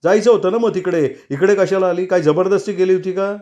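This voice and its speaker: A curt, stubborn young husband snaps in a raised, sharp voice, as a male storyteller puts him on. The voice sits well above the reader's own. Heard in a novel being read aloud. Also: high voice, fairly quick, dull audio, voice pushed up, natural voice. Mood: angry.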